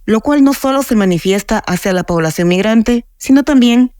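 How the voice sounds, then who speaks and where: A woman's voice: a little high, lively intonation, normal speed, dark tone, slight background noise. A woman giving formal, explanatory scripted narration for a documentary.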